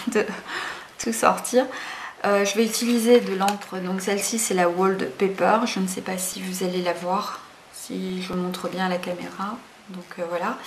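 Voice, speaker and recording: A woman hosting a casual craft tutorial, chatty and hesitant, full of fillers and self-corrections. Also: mid-range voice. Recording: roomy echo, faint background noise.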